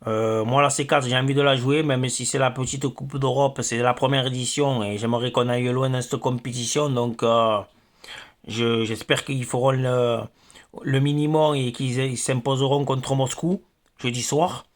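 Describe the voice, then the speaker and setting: An angry man rants after a football match on his fan channel. He hesitates a lot, stammers and fills his pauses as he talks. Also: mid-range voice, little pitch movement. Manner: hesitant, many fillers and stammers. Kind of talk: angry post-match rant.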